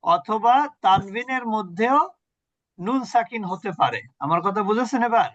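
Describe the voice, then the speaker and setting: Male Quran recitation teacher, patient, quizzes students; high voice, dry, dull audio. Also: normal speed, a bit bright, no echo. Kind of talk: online tajweed lesson.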